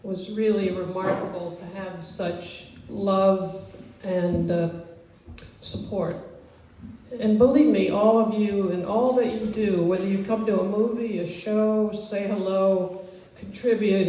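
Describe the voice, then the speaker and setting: A woman hosts a party, speaking in an unhurried, hesitant way, with many fillers. Her tone is dark and mellow. She sounds far from the mic in a very echoey hall. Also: mid-range voice. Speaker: party host giving a speech. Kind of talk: casual speech to guests. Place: event venue hall.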